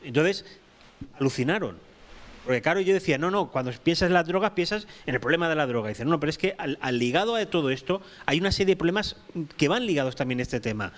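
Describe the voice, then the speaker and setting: A man's voice: a little high, animated, fast talker. Emphatic man at a panel. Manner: emphatic, repeats points, many restarts. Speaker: panel speaker. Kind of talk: round-table talk.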